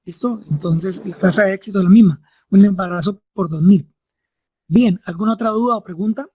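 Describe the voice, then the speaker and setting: A high, husky, slightly mellow male voice moves briskly with no room sound. The speaker is a medical lecturer who walks students through ideas step by step and repeatedly asks tag questions to confirm they follow.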